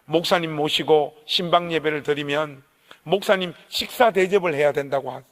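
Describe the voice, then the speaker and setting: A humble, devoted security guard speaks plainly and with affection, as a preacher acts him out. His voice sits lower and quieter than the preacher's own. It echoes through a large church hall. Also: moderate pace, natural voice. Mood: earnest.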